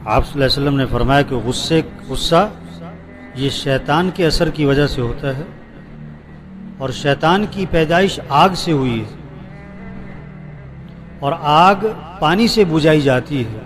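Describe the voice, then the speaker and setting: A man's voice: fairly high pitch, pauses often, background noise. A man preaching a sermon to a seated gathering with a Pakistani Urdu accent, repeating questions for his listeners to answer. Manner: rhetorical questions, call-and-response repetition.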